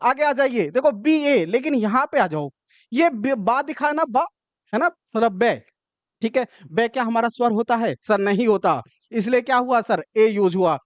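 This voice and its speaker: A man's voice: extremely high pitch, animated, normal speed, no room sound. A male teacher, explaining grammar step by step and often checking that his students have understood. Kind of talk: classroom grammar lesson.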